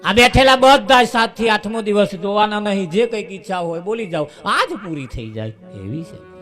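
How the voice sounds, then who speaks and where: A man's voice: high voice, animated, normal speed, fairly bright tone, soft background music. A man preaching a devotional sermon, telling a story and addressing his listeners directly.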